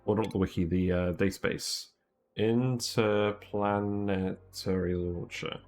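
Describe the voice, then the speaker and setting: A man's voice: on the low side, fairly even intonation, slow pace, a little mellow. A man streaming a game and chatting casually, rambling and thinking aloud with fillers and little laughs. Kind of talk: casual gameplay commentary. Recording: faint background music.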